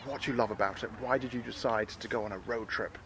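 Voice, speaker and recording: A man's voice: mid-range voice, fairly even intonation, quick pace, a bit bright. An Irish-accented man doing casual interviews on location as a roving radio reporter. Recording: faint outdoor background noise.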